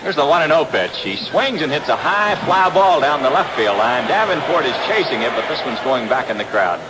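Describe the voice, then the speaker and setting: Speaking fairly quickly, this American announcer delivers clipped baseball play-by-play from an outdoor ballpark for 1960s radio. His medium-pitched voice rises and falls widely, and heavy noise fills the vintage broadcast.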